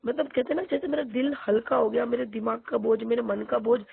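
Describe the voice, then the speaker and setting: Hoarse middle-aged woman giving devotional testimony. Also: fairly high pitch, steady tone, brisk, dry recording. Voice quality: husky, gravelly voice. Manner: earnest, repeats phrases for emphasis. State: sore throat, voice strained. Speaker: devotee sharing a spiritual experience. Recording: tinny phone-quality, dry.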